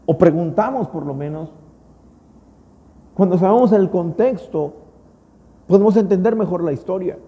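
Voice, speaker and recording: Mexican pastor preaching in a reverberant hall. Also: male voice, sits high, moderate pace, pauses often, muffled recording. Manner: storytelling preacher, rising to emphatic peaks. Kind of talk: sermon. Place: church. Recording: long church-hall reverb.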